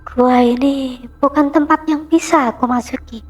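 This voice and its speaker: Brief: man doing a high-voiced, calm, solemn spirit woman for an audio horror story, soft music behind. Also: normal speed.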